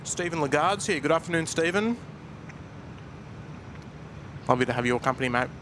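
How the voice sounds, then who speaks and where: A man's voice: fairly high pitch, lively intonation, racing. A man giving casual live commentary as a livestream host outdoors. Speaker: plane spotting livestream host. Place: outdoors at an airport. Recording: outdoor ambient noise behind voice.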